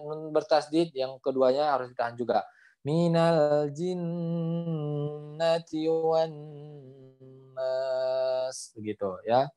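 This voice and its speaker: A man teaching Quran recitation in an online class. He is patient, repeats his points, ends phrases with "ya" and models the sounds before slowly chanting the verses. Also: medium pitch, a little mellow. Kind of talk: online tajwid lesson. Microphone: video call.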